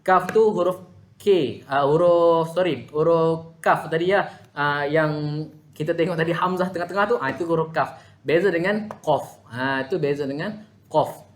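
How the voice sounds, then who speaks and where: A man with a Malaysian Malay accent teaching Quran recitation in an online lesson, patiently sounding out letters. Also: fairly high pitch. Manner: patient, demonstrates letter sounds slowly, frequent "ha". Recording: echoey room.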